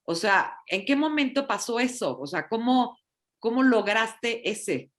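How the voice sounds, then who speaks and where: A woman's voice: on the high side, sing-song, unhurried. A woman moderating a panel, searching for words with repeated fillers. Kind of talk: panel discussion questions.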